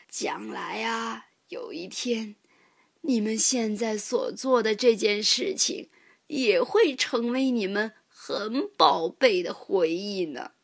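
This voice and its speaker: A woman voicing a gentle, wise old grandpa rabbit in a storybook, speaking slowly and partly in a whisper. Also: mid-range voice, vocal fry. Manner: slow, soft, partly whispered.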